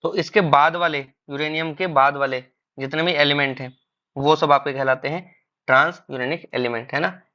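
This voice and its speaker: A male chemistry teacher lectures with a bright, forceful voice that sits a bit high. He calls his students "beta" and puts a question to them before answering it himself. The recording is somewhat dull and lo-fi. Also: fairly even intonation, normal speed. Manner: mixes Hindi with English terms. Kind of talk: classroom lecture.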